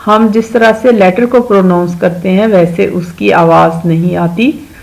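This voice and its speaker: A woman with a Pakistani accent teaches children at home, talking slowly and patiently. Her voice has a gravelly texture, and she draws out each example word so the sounds come through clearly. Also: medium pitch, fairly even intonation, darkish tone, poor audio. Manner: patient, slow explaining, drawing out sounds in examples. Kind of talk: home-school lesson explaining English vowels to children.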